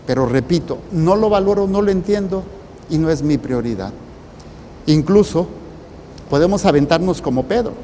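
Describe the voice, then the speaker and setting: Male priest, Mexican accent, mellow tone, deliberate phrasing, long reverb and faint noise. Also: fairly high pitch, animated. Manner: deliberate, in short broken phrases with pauses. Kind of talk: preaching a sermon.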